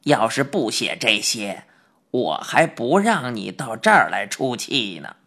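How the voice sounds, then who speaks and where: A woman's voice: extremely low pitch, very animated, a bit bright, breathy edge, voice pushed down, full character voice. Woman doing a smug drawling old mouse-man. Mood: smug teasing. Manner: slow, drawling and teasing.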